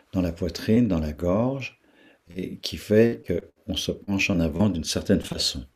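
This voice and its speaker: A man leading a guided meditation talk, speaking slowly with pauses and repeating syllables to show how they sound. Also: low voice, a little mellow, husky. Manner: slow, pausing, repeats syllables to demonstrate their sound. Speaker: meditation teacher.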